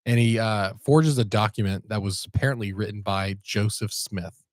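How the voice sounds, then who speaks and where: A man's voice: on the low side, moderate pace, no echo. A man co-hosting a podcast, casually retelling a story in a rambling, laid-back way with lots of fillers. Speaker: podcast co-host.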